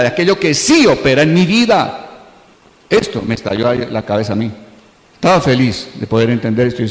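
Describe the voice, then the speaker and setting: A man with a Colombian accent preaching a sermon as pastor, earnest and repetitive, mixing personal anecdotes with exhortation. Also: on the high side. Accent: Colombian Spanish. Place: large church hall. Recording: echoey church hall with long reverb.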